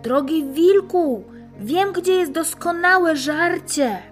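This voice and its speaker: A woman voicing a tiny, plucky, cunning little boy in a high, childlike voice. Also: lively intonation, slow pace, faint music behind, exaggerated voice. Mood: coaxing.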